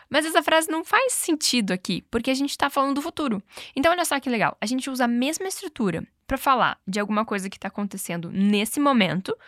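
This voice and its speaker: A woman leads an English lesson, full of repeat-after-me drills. Her voice sits a little high, and she speaks clearly and patiently, slowing right down on the model phrases she wants repeated. The sound is close and dry, with no room around it. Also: fairly bright tone, dry recording. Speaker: English teacher.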